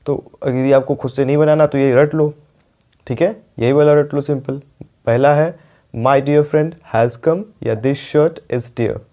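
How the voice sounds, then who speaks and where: A young man teaching an English grammar lesson, with an Indian accent, explaining patiently and repeating example sentences slowly. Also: medium pitch, dark tone.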